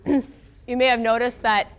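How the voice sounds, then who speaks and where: Her pitch is a little high and her tone fairly bright, moving at a normal speed. A cold has left this southern American woman's voice weak as she delivers a casual physics lecture. She talks conversationally, often pausing to check in with students through "okay" and "all right."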